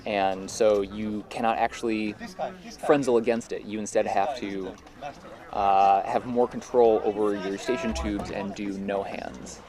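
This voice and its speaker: A man's voice: fairly low pitch, a little slow, a crowd in the background. An American man doing live sports commentary, explaining at an easy pace with frequent fillers. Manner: explanatory, relaxed, many fillers.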